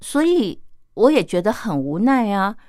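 A woman voicing her elderly sick aunt, plaintive and softly complaining, in a dry recording. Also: medium pitch, big pitch swings, measured pace, no echo. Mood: weary.

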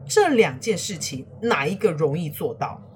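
A woman's voice: low-pitched, sing-song, moderate pace, a little mellow, slight background noise. A woman voicing an elderly, loyal male retainer in a storybook tale, crying out in raised, anguished pleas. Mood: earnest. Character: old loyal male retainer, desperate and defiant.

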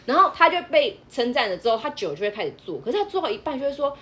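A woman's voice: sits high, very animated, very fast, fairly bright tone. A woman co-hosting a casual podcast with her husband, playfully teasing him and dramatizing everyday scenes in acted-out quotes. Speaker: podcast co-host, wife. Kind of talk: casual couple chat.

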